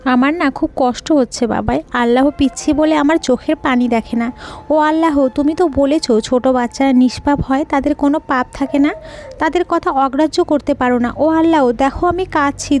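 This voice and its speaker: A woman's voice: high voice, moderate pace, a little mellow, slight background noise, lightly acted. A woman voicing a grieving little girl pleading tearfully with her silent father in an audio story.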